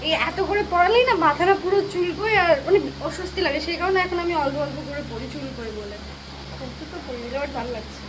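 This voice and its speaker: High-voiced chatty woman. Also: fast talker, background noise. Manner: chatty, rambling storyteller. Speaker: vlogger. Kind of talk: casual vlog chat and voice-over.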